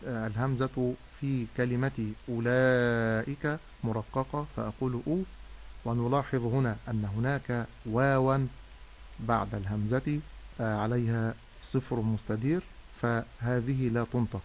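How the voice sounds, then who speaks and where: A man teaching correct Quran recitation, explaining pronunciation slowly and drawing out vowels to demonstrate. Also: mid-range voice, steady tone, a little hiss or hum, low-quality recording. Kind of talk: tajweed lesson with recitation.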